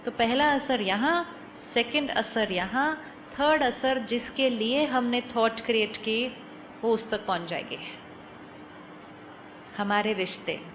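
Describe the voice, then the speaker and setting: A woman giving a calm, persuasive spiritual talk to a live audience, often asking questions and mixing in English phrases. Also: on the high side, slow pace, slight background noise. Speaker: spiritual speaker.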